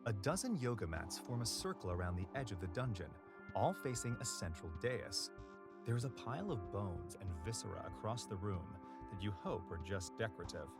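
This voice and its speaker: A man's voice: on the low side, very animated, fairly quick. A man playing the narrator of a tongue-in-cheek dungeon adventure game, reading scripted narration. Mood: measured storytelling. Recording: game music behind the voice.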